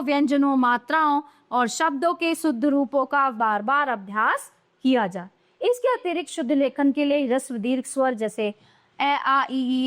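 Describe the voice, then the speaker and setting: Woman, teacher, high voice, sing-song, children's grammar lesson. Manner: sing-song, rising on wrong forms and falling on right ones.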